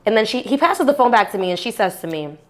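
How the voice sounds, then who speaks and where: Animated Guyanese-born woman telling stories. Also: fairly high pitch, quick pace. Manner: animated storyteller, acts out the people she quotes. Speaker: podcast guest. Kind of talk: casual storytelling.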